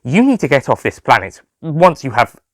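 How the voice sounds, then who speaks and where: A man's voice: mid-range voice, very animated, normal speed, no room sound, clean studio sound, voice pushed up. A man voicing a smug, scheming alien villain with a volatile temper, gloating theatrically in a sci-fi audio story. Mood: smug persuasion.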